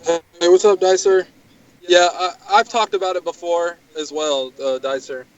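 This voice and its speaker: A man's voice: high voice, moderate pace. A man talking casually as a co-host on a gaming show. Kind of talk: casual chat. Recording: dull lo-fi voice chat audio.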